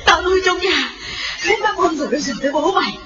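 A man's voice: high voice, lively intonation, moderate pace, fairly bright tone, pitched above the performer's own voice. A man voicing a frightened young mother who wails and sobs. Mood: hysterical. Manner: wailing, sobbing cries. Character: frightened young mother, woman, grieving and frantic. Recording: roomy, lo-fi, distant, with music.

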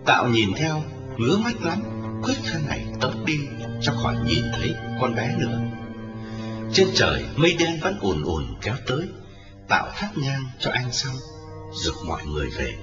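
A man narrating a dramatic story, expressive in his storytelling. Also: mid-range voice, normal speed. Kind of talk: dramatic audiobook reading. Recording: roomy, lo-fi, distant, with music.

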